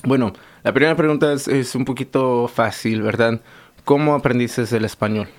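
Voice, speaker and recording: A man's voice: medium pitch, normal speed. A man born in Mexico hosting a live radio show, chatting casually with his guest and often ending questions with a tag. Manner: chatty, tags questions with "¿verdad?". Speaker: radio host.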